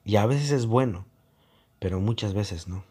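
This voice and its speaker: A man's voice: lowish voice, measured pace, darkish tone, husky. A man giving a reflective monologue, mocking and acting out both sides of online arguments.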